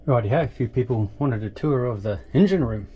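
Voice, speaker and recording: A man giving a casual, unscripted walkthrough of a boat's engine room, halting a little as he thinks aloud and points things out. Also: mid-range voice, expressive, highs cut off, loud music behind the voice. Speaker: boat owner giving a tour. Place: small boat engine room.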